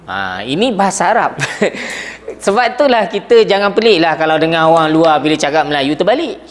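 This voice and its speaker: A man with a high voice lectures a grammar class in a lively way. He keeps stopping to check that his students follow. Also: a little fast. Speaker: Arabic grammar teacher.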